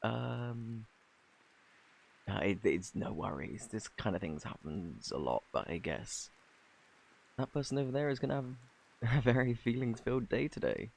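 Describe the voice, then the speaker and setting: A man with a British accent playing a flirty, bashful, kindly Cupid in an intimate ASMR romance roleplay, softly spoken, stammering and flustered. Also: medium pitch, sing-song, vocal fry, full character voice. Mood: awkward, chatty. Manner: flustered, stammering, halting, apologetic.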